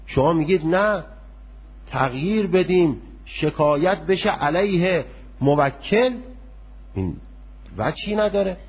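A man giving a seminary law lecture, arguing through hypothetical court cases in a lively, questioning way. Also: fairly high pitch, long pauses, slightly rough, muffled recording. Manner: argumentative, poses hypothetical cases. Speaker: religious law teacher.

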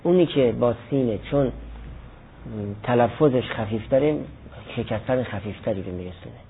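On a lo-fi recording that sounds like a phone, a man with a medium-pitched voice and a little hiss or hum teaches Arabic grammar. He lectures the class step by step, uses examples, and answers what the students ask.

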